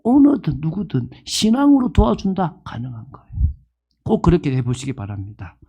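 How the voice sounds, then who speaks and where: A man's voice: on the high side, wildly swooping pitch, moderate pace, mellow, breathy edge, highs cut off. A man in his fifties preaching a sermon as pastor, asking the congregation questions and acting out the people he quotes. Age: 50s.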